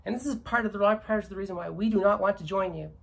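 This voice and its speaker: A fast-talking Canadian woman commentator with a mid-range, gravelly voice and a breathy edge rants emphatically and repetitively during casual political chat. She credits her accent to British loyalist ancestry.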